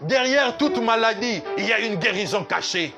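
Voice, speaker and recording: A man's voice: high voice, lively intonation, moderate pace, over music. A man pastor, preaching a sermon at a church service in an emphatic, repetitive way that slips into sung lines.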